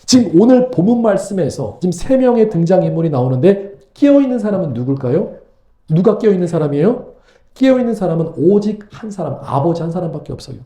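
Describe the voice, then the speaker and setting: A man preaching a sermon as pastor, animated and full of rhetorical questions. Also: sits high, fast talker, echoey room. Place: church sanctuary.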